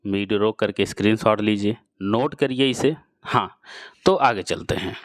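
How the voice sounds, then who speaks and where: A man teaching a chemistry lesson to students, explaining slowly and repeating key phrases as he addresses the class directly. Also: fairly low pitch, no room sound, clean studio sound. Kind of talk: classroom lecture.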